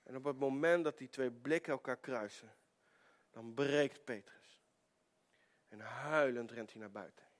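A male preacher telling a story during a sermon in an earnest way, with stammering restarts, often dropping into a hushed tone. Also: medium pitch, unhurried, long pauses.

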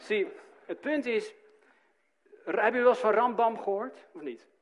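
A man in middle age delivers a sermon in a lively, conversational way. He asks his listeners questions and makes asides, and his speaking voice sits fairly high for a man. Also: measured pace, lo-fi sound. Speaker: pastor.

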